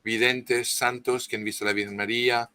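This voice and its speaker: A middle-aged Frenchman with a French accent lectures at length as a guest author in an interview, his medium-pitched voice pushed and bright with little pitch movement. He halts frequently, restarting and using fillers.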